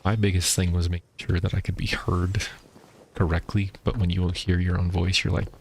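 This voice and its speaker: Pria streamer bersuara sangat berat. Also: male voice, little pitch movement, fairly quick, slight background noise. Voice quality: deep voice. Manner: rambling, explains while playing, many fillers. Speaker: gaming streamer. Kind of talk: casual gameplay chat. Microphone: streaming microphone.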